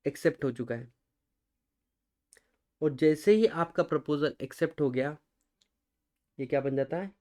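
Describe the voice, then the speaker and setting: A man's voice: fairly high pitch, a little slow, pauses often, darkish tone. A man with an Indian accent teaching law, who keeps asking his students rhetorical questions and answers them himself. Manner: mixes Hindi and English, addresses students as guys. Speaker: law lecturer. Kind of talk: recorded exam-prep lecture.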